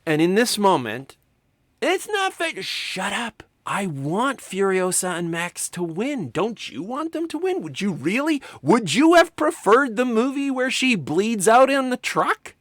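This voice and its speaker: A man lecturing on film to students, enthusiastic and emphatic, swinging from quiet remarks to loud excitement. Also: high voice, unhurried, dry recording, studio quality. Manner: enthusiastic, talks to students directly. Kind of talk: recorded lecture.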